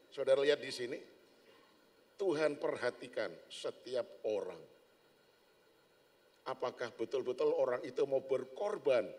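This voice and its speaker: A male pastor preaching a sermon, telling a story with lively acting and sound effects. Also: mid-range voice. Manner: animated storytelling, acting out the characters. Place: large church hall. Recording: long church hall reverb.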